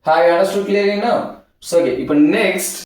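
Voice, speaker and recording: A man's voice: sits high, slow. A man teaching English pronunciation, drilling sounds in a repetitive call-and-answer way. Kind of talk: classroom-style phonics lesson. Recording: very echoey room, voice from far off.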